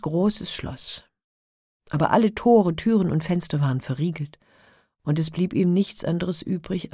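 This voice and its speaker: A woman reading a fairy tale aloud in a soft voice, often dropping to a whisper. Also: low voice, breathy edge, dry recording, studio quality. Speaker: storyteller.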